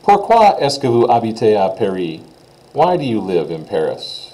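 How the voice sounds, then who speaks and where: A man's voice: fairly low pitch, wildly swooping pitch, moderate pace, mellow, low-quality recording. A man teaching a casual recorded French lesson, talking informally with frequent "uh" fillers.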